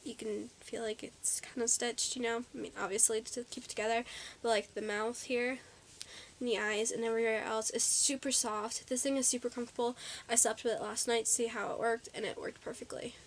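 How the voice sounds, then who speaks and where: A woman's voice: a little high, level tone, a little fast, slight background noise. A teenage girl chatting in a casual haul vlog, bubbly and a little out of breath, with lots of ums and likes. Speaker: vlogger.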